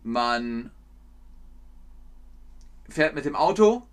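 A man from northern Germany with a northern German accent, teaching a playful livestreamed language lesson and acting out insults in sudden loud bursts. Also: fairly high pitch, lively intonation, very slow.

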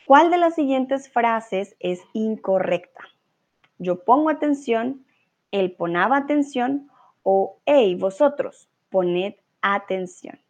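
A woman from Colombia with a Colombian accent leads a live online Spanish lesson. She speaks slowly and patiently in a mid-pitched voice, encouraging her students and slipping into English and German to explain. The audio is a little dull and lo-fi. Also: a little mellow. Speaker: Spanish teacher.

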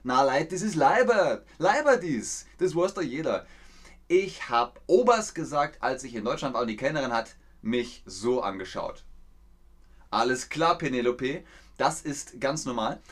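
A man's voice: mid-range voice, big pitch swings, unhurried. A man from Austria, hosting a livestreamed dialect quiz in a playful, encouraging way. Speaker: quiz host teaching dialect words.

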